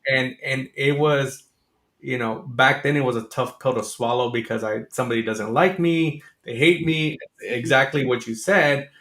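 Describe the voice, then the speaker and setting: A man's voice: mid-range voice, normal speed, a bit bright. Candid male host in an echoey room. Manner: candid storytelling with many fillers. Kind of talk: conversational interview.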